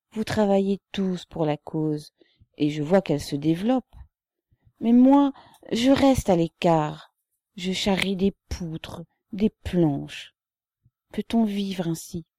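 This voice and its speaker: A muffled, plaintive young man, sullen and awkward, his voice low and dark, as a woman reader puts him on. He speaks slowly and heavily, dry and close to the mic, like a storybook character. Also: dry recording. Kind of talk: audiobook character voice.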